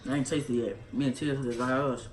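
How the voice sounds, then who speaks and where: A woman's voice: extremely low pitch, steady tone, fast talker. A young woman co-hosting a mukbang, teasing and chatting in casual slang while eating. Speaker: mukbang host. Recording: echoey room with background noise.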